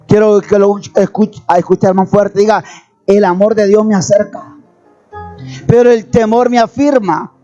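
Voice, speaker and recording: A man's voice: high voice, warm tone, dull audio. A pastor preaching a sermon who repeats his key phrases and has the congregation say them back. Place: church.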